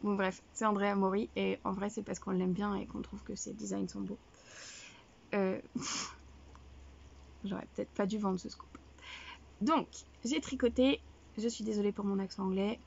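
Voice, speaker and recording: A young woman talks casually to her viewers, rambling from one thought to the next and correcting herself as she goes. Her mid-pitched voice carries a gravelly, creaky edge. The sound is a little dull and lo-fi. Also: darkish tone. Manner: chatty and rambling, many fillers and self-corrections. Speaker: knitting podcast host. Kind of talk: casual video podcast chat. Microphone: camera, showing items to viewers.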